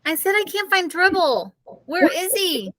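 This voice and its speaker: Woman acting a high-pitched, insistent young boy. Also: sing-song, measured pace, fairly bright tone, heavily acted. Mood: anxious. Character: frantic, accusing fourth-grade boy. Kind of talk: children's storybook read-aloud.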